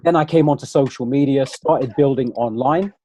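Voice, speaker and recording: A man's voice: medium pitch, normal speed, mellow, a little hiss or hum. A man hosting an online webinar in a casual, conversational way, talking straight to viewers over a computer microphone. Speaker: webinar host.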